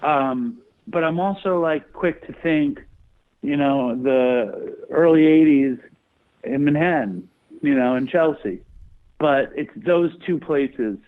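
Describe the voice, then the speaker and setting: A man's voice: fairly high pitch, takes it slowly. A male podcast guest talking casually and hesitantly, with many ums and restarts, over a remote call. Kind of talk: casual interview chat. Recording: tinny phone-line audio.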